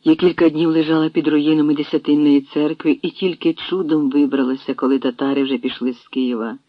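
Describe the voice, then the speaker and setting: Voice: mid-range voice, steady tone, fairly quick, no echo, lightly acted. A reader voicing an emotional young noblewoman who speaks in eager exclamations, in an audiobook reading. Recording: dry, dull lo-fi sound.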